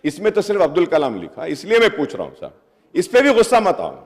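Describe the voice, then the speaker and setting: A man's voice: sits high, huge pitch swings, quick pace. A man speaking in a legislative assembly debate, addressing the chair as sir again and again and switching between Hindi and English. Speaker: member of a state legislative assembly. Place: large legislative assembly chamber. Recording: long reverb of a large hall.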